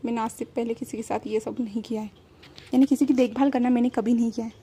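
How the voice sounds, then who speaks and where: A woman reading the lines of a cocky, grudgingly caring rich young man, a bit louder than her narration, with a husky voice. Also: a little high, fairly even intonation, fast talker. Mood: grumbling.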